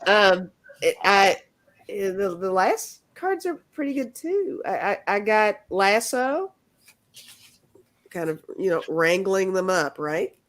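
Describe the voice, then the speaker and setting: Lively woman reading cards. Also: mid-range voice. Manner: halting, restarts, laughs often. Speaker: card reader. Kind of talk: casual chat.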